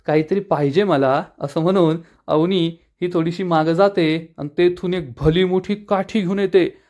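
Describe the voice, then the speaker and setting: A man narrating a brisk recap of a television episode. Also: sits high, fairly even intonation, darkish tone.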